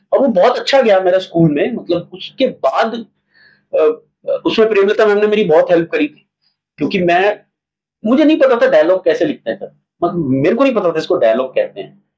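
A man's voice: sits high, moderate pace, slightly rough, highs cut off. A man who writes and stages plays, talking casually in an interview and acting out little examples as he tells stories. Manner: animated storytelling, acts out examples. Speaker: playwright and theatre director.

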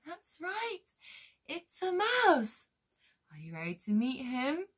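A woman with a British accent leading a music lesson for toddlers, singing and telling a story in a slow, exaggerated way. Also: sits high, wildly swooping pitch. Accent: British English. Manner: sing-song, slow and exaggerated for small children. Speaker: children's music teacher. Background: guitar music.

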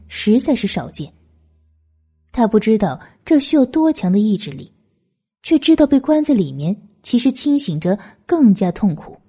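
Reading a novel from a script, a woman takes the role of audiobook narrator. Her voice is pitched a touch high, yet it sounds very soft and dark, carrying a breathy huskiness.

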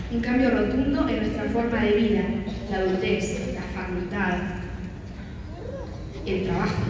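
A woman's voice: mid-range voice, noisy background. A young woman, reading a heartfelt farewell speech at a lectern. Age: young adult. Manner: steady, heartfelt, reads from notes. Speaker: graduating student giving a farewell speech. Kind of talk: prepared speech read at a lectern. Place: large indoor hall, stage with crowd. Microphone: handheld mic, filmed from far in the audience. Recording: echoey hall from far off.

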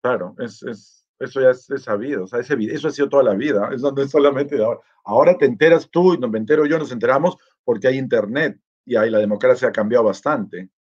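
A man's voice: medium pitch, fast, few pauses, darkish tone, lo-fi sound. A man, hosting a live stream and casually reading out and answering viewer comments. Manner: chatty and easygoing, reads greetings aloud and answers them. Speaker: vlogger hosting a live chat contest.

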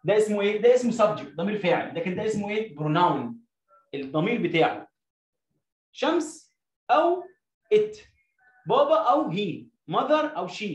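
A man with an Egyptian Arabic accent, teaching an English lesson. He reads English sentences slowly, word by word, and asks questions that he answers himself. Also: sits high, very animated, reverberant, poor audio. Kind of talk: explaining a lesson to young pupils.

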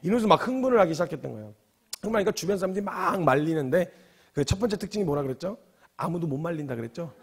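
A man preaching a sermon as a missionary, telling the story in an animated way that swings between loud outbursts and low asides. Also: racing, slightly rough.

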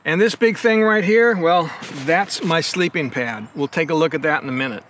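On a backyard lawn, an older motorcycle vlogger demonstrates his camping gear in a slightly high, somewhat bright voice at a moderate pace. His casual, step-by-step explanation keeps returning to "again" and "right," with a little noise behind him.

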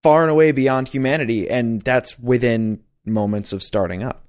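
A man's voice: medium pitch, steady tone, moderate pace, darkish tone, no room sound. A man co-hosting a casual film podcast, mostly giving short dry interjections and matter-of-fact points. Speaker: podcast co-host.

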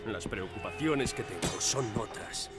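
A man's voice: lowish voice, animated, measured pace, loud music behind the voice. An actor playing a stern warrior man in a video game who speaks tersely and dismissively. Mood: cold.

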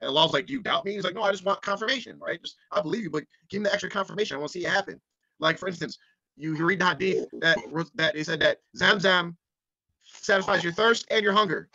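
A man's voice: sits high, fast, creaky, sharp tone, dry recording, highs cut off. A man in a casual group chat, telling stories earnestly and emotionally. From United States. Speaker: podcast panelist.

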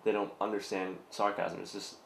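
A man's voice: sits low, little pitch movement, normal speed, vocal fry, a bit bright, echoey room, a little hiss or hum. A young man telling his story in a documentary interview with dry, sarcastic humor. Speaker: student interviewee.

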